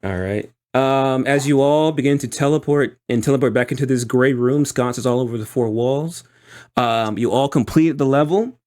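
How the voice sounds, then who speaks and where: A man acts as game master for a tabletop roleplaying session. His pitch sits in the middle range, and he narrates haltingly, building each scene piece by piece. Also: darkish tone.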